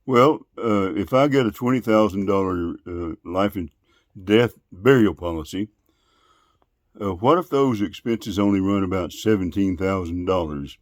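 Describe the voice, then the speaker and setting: A man in casual phone conversation, asking questions in a polite, deliberate, long-winded way. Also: low-pitched, no echo, studio quality. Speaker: call recipient.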